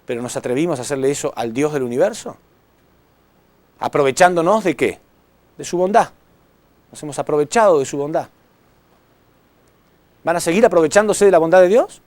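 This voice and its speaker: A man preaching a sermon to a congregation, impassioned, swinging between loud appeals and hushed words, often asking the audience questions. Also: a little high, lively intonation, brisk, long pauses, no echo. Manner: addresses audience with rhetorical questions.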